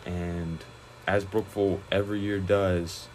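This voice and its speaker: Young man, very low voice, relaxed rambling talk, faint background hum. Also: unhurried, poor audio. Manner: relaxed, rambling, many fillers and restarts. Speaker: high school wrestler. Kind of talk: casual interview.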